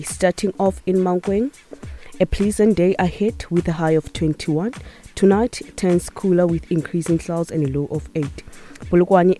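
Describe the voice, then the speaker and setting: A woman's voice: lowish voice, dark tone. A South African woman presenting a scripted weather update on morning radio from a studio.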